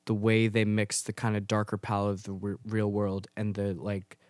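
A man's voice: on the low side, monotone, normal speed, no echo. A man co-hosting a casual podcast chat who swears and repeats words when he starts a sentence. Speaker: podcast co-host.

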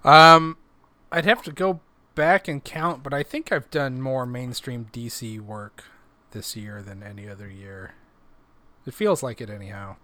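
Male co-host, crude and offhand, mumbles through it, sharp bright tone. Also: medium pitch, measured pace. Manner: crude, self-deprecating, mumbling. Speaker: podcast co-host. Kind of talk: casual chat.

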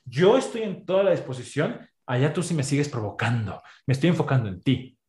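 Animated Mexican man in a roomy space. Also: mid-range voice, a little fast. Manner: animated, explains with everyday examples. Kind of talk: podcast conversation. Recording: roomy echo.

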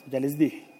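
A man's voice: dark tone, slight background noise. A man with a Bogotá Colombian accent, chatting on a live podcast from an office and reading listener comments aloud. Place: company office.

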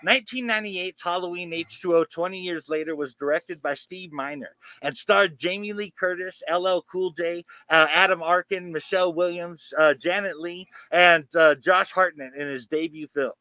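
A man's voice: high voice, moderate pace, few pauses, sharp tone, no echo, poor audio. A man co-hosting a horror podcast, eagerly running through lists of names, dates and production facts in a casual way. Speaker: podcast co-host. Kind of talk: casual chat reading background facts.

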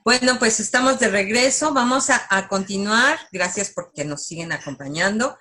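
Animated female co-host, speaking over loud music. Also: medium pitch, normal speed. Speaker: radio co-host. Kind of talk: radio show talk.

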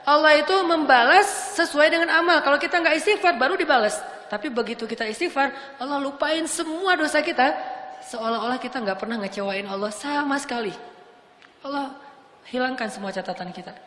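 A woman's voice: high voice, a little fast, a bit bright. A woman giving a humorous, casual sermon with playful, jokey storytelling. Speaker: preacher. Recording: echoey hall with long reverb.

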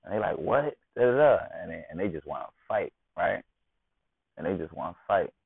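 A man with a low, gravelly voice holds forth in a relaxed, slangy podcast monologue, checking in with his listeners every few lines. The sound is thin and phone-like, with no room in it at all. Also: fairly quick, dry recording. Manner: slangy, constantly asks "you know what I'm saying". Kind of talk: casual monologue. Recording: tinny phone-like dry sound.

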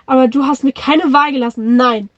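A fired-up young man pours out his feelings in a dry, slightly muffled read, as a woman voices him in her own high voice. The lines come from a storybook read aloud. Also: fairly even intonation, fairly quick, dry recording. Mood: angry pleading. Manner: reading in her own voice, no voice change. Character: heated young man confronting his friend.

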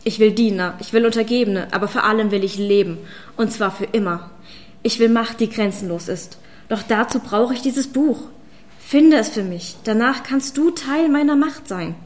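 A woman's voice: fairly high pitch, expressive, moderate pace, lightly acted. A woman reading an audiobook, voicing a fierce, power-hungry female witch who hisses and commands. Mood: fanatical. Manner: hissing, commanding, then shouting.

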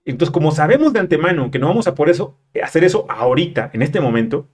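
Hosting a laid-back talk show, a man from Mexico reads out viewer questions with chatty slang in his Mexican Spanish accent. He talks quickly in a slightly high, sing-song voice.

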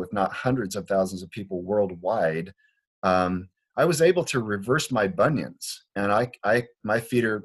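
Speaking with a slightly rough, lowish voice, a man from Liberia who works as a foot doctor shares his opinions in an earnest interview. The conversation takes place in a Portland, Oregon clinic, and he restarts himself frequently.

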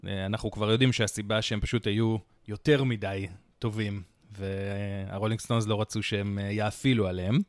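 A man's voice: on the low side, flat delivery, dry recording. Chatty male podcast co-host. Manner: chatty, recounts events with many fillers and quips. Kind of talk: casual storytelling chat.

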